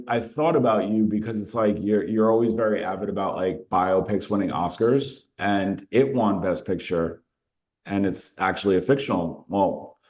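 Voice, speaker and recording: A man's voice: low voice, darkish tone. A young man co-hosting a podcast outdoors, teasing his friend and swearing casually in a wry chat. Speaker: podcast co-host.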